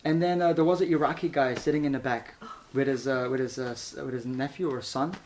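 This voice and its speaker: A man from Iran giving an animated, casual spoken testimony, laughing often and stumbling over repeated words. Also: medium pitch, a little fast, slight background noise. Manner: animated, laughs often, acts out voices in quotes.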